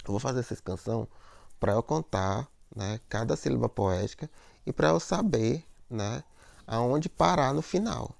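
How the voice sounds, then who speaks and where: A man with a gravelly, mid-pitched voice teaches a lesson on poetic meter. He explains patiently, repeats himself and keeps checking in with his listeners. The recording is dry and close. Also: animated, a little slow, darkish tone, no room sound. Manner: explanatory, repeats words, frequent "né?" and "ó".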